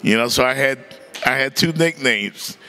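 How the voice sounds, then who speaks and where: A middle-aged man, a sports reporter, talking in a casual interview with an easygoing, chuckling manner and drawn-out fillers, into a handheld mic. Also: mid-range voice, bright, forceful tone, clean tone. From Miami, family from the Bahamas. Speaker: sports reporter and podcast host. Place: bright indoor room by large windows.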